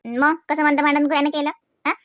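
A woman's voice: sits high, level tone, quick pace, a bit bright, dry recording, clean studio sound. A woman voicing an older female family elder in a cartoon, scolding but kindly and giving homely advice. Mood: advising. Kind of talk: cartoon voice acting.

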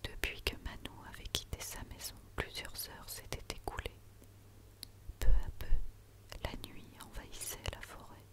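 A woman reads a story aloud in a quiet, soothing night-time whisper, as in ASMR, close to the microphone. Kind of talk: whispered ASMR reading of a children's tale.

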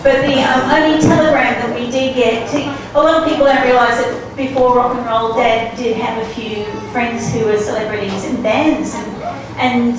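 A high-voiced woman in her forties gives a chatty wedding toast, teasing and laughing as she goes. Her voice rings through a very echoey reception room. It is caught from far across the room, with loud hiss behind it. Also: fairly even intonation, normal speed. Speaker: best man giving a wedding speech. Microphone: handheld mic, filmed from across the room.

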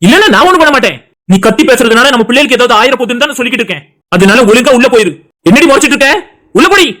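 A voice actor with a natural, medium-pitched voice races through lines as a stern, short-tempered elder brother and husband in a cartoon drama, barking commands and scolding.

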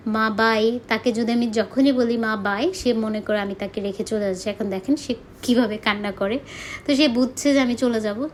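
A woman's voice: medium pitch, a little mellow, a little hiss or hum. A young woman from Bangladesh narrating her vlog in a chatty, casual way, often dropping English words into her speech. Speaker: vlogger.

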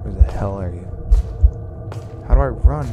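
A man's voice: on the low side, moderate pace, highs cut off. A man commenting on a horror game he is playing, jumpy and swearing, taunting the monster between scares. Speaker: gamer. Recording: loud game music behind the voice. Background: game music.

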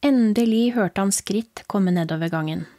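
A woman with a Norwegian accent reading a horror story aloud as a podcast host, in a calm, low, steady storytelling voice. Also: dry recording, clean studio sound. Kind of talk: scripted horror story narration.

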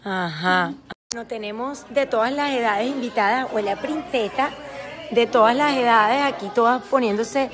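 A woman's voice: a little high, normal speed, music in the background. A woman chatting casually in a phone story, gushing and promotional as she shows off her store event to followers. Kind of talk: casual Instagram story chat. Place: busy store event, indoors. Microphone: phone held by speaker. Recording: phone recording with chattering crowd behind.

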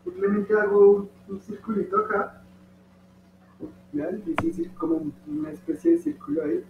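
High-voiced man teaching kids origami. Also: lively intonation, moderate pace, gravelly. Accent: Colombian Spanish. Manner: patient, encouraging, talks to the kids directly. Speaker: origami instructor. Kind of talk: step-by-step craft tutorial for children. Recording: distant, roomy and dull with faint hum.

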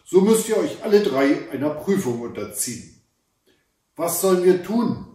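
A man voicing an old fairy-tale prince speaking to his daughters, measured and fatherly. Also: fairly high pitch, very animated, dark tone. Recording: echoey room, far from the mic.

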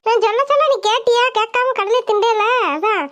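Lady voicing a bossy little cartoon boy, real high-pitched, told-you-so tone. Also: normal speed, a bit bright, lo-fi sound. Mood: scolding. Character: scolding sensible young boy. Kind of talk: cartoon voice acting.

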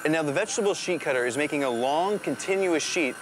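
A woman explains a cooking demonstration conversationally. Her voice is extremely low and she talks quickly, with faint outdoor noise behind. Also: lively intonation. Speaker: product demonstrator.

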